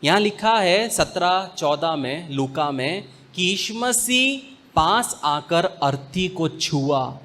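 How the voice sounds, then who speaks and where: Slow-preaching man. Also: sits high, expressive, a bit bright. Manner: preaching with slow, weighty pauses and mixed English phrases. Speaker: pastor. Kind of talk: sermon.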